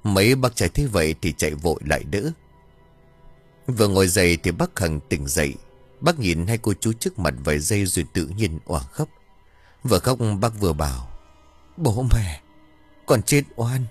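Một người đàn ông kể truyện ma bằng giọng diễn cảm. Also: male voice, deep voice, a little fast, slightly rough, faint music behind. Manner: expressive storytelling. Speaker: narrator. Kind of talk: ghost story narration.

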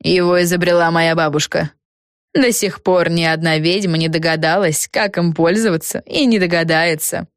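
A woman's voice: fairly low pitch, steady tone, normal speed, no echo, clean studio sound, natural voice. A woman voicing a scheming, nasty witch girl who sneers and barks her lines. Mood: sneering. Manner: sneering, barking.

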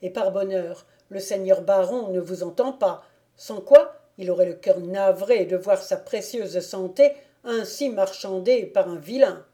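A woman narrates a classic novel as an audiobook reader, her voice mellow and dark. She keeps a measured, even storytelling pace, at a middle pitch for a woman. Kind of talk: scripted literary narration.

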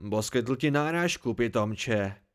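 A man's voice: on the high side, animated, lightly acted. Man voicing an irritated scolding student. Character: irritable blunt male student friend. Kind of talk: amateur audiobook reading.

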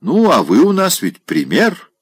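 A coarse older general trying to charm a lady, talking loud and high-pitched, as a male narrator acts him out. His taunts rise and fall widely in pitch. The voice sits dry and close to the microphone. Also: huge pitch swings, dry recording, full character voice. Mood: mocking. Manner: loud, mocking, drawn-out exclamations.

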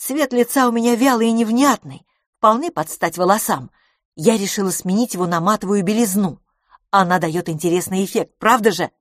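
A woman reading the part of a confident, boastful beauty salon owner in an audiobook, speaking briskly and emphatically. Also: mid-range voice, no echo, studio quality, voice pushed up, natural voice.

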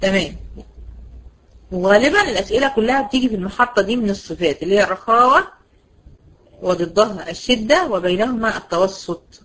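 In a brisk tajweed lesson, an Egyptian woman who teaches Quran recitation questions her students, answers herself, and slows down to draw out example words. Her mid-range voice is expressive and a bit bright. Slight background noise sits under the poor audio.

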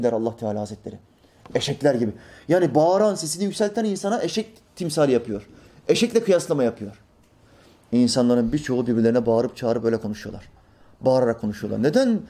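A man preaching a sermon in an animated way. He acts out everyday voices and drops to a soft, hushed tone for reverent lines. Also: medium pitch.

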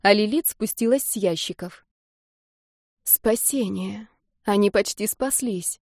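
A woman narrating an audiobook in a measured, even storytelling manner on a close studio mic. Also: medium pitch, no room sound.

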